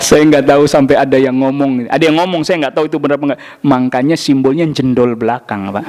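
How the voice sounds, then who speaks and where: A man's voice: mid-range voice, fast talker. A man giving a mosque study lecture, telling anecdotes with jokes and answering questions directly. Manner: lively storytelling with jokes and acted quotes. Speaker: Islamic preacher.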